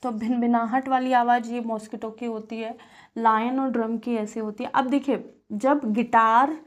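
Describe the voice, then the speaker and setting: Woman teacher, Kanpur Hindi accent, fairly high voice, explaining a physics lesson, repeats key words, fills pauses. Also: fairly even intonation. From India.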